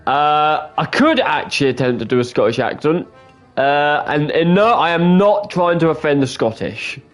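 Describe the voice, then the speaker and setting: A man's voice: on the high side, moderate pace, faint music behind. A young man hosting a casual gaming video, lecturing in an emphatic, repetitive way. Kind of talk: casual let's-play commentary.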